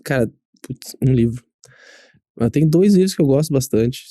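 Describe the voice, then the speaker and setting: A young Brazilian man with a Brazilian Portuguese accent, a podcast guest talking in a relaxed, chatty, upbeat way. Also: medium pitch, moderate pace, dry recording, studio quality. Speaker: guest, emergency medicine resident. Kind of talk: casual podcast chat.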